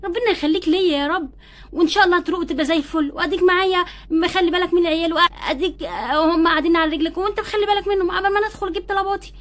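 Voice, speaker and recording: A woman as a brisk, caring wife doll, very fast. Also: very high-pitched, steady tone, fairly bright tone. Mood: reassuring. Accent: Egyptian Arabic. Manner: coaxing, bossy but tender. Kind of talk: doll play acting.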